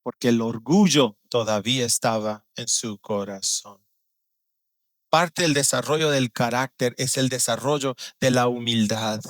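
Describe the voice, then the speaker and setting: Earnest Guatemalan pastor preaching. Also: male voice, measured pace, dry recording. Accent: Guatemalan Spanish. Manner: storytelling, acting out quoted voices with sudden loud outbursts; earnest, drops low and quiet on serious points. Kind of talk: sermon.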